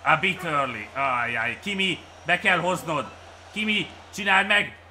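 A Hungarian man streaming a game with viewers, cheering and shouting at plays and then muttering to himself. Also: on the high side, expressive, a little hiss or hum. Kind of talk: excited live game commentary.

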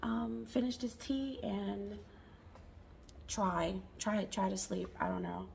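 Creaky-voiced woman with a sore throat. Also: mid-range voice, huge pitch swings, slow, a little hiss or hum. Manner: soft, drifting into whispers. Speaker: reaction vlogger. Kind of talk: late-night reaction chat.

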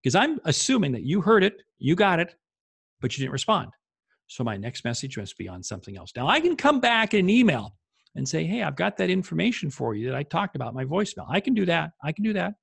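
With a fairly quick, sing-song delivery, a husky, fairly bright tone and touches of vocal fry, a fifties-aged sales coach and video host lays out instructions in short, emphatic bursts. His pitch runs high, and he sits close to a desk microphone in a small indoor home office with no echo.

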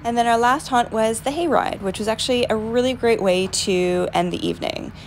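A woman's voice: fairly high pitch, brisk, vocal fry, slight background noise. Chatty woman vlogging outdoors. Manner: chatty, upbeat selfie commentary. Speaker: real estate vlogger. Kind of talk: casual vlog tour. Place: outdoors at night at a farm attraction. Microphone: phone at arm's length.

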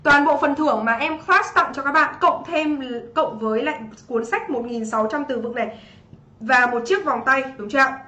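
Young woman, Vietnamese, English teacher, livestream lesson, high bright voice, echoey room. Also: normal speed. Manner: energetic, keeps asking students "right?". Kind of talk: livestream exam review lesson.

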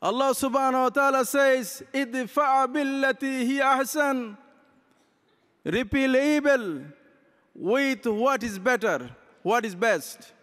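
A man's voice: very high voice, takes it slowly, a bit bright. A man, giving an impassioned convention speech from a podium, mixing Arabic recitation into his English. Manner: impassioned, gesturing with both hands. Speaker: imam. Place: large convention hall stage. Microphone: podium microphones. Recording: long reverb of a big hall.

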